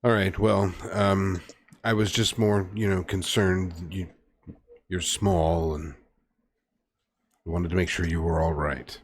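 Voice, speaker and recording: A man playing a tabletop game in character, measured and hesitant with many pauses. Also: sits low, little pitch movement, slight background noise. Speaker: player. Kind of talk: in-character tabletop role-play.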